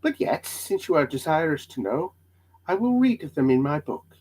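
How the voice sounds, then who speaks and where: A man's voice: fairly high pitch, big pitch swings, normal speed, darkish tone, rough recording. A man voicing an earnest, devout, burdened pilgrim in a hammy, theatrical dramatic reading of an old allegory.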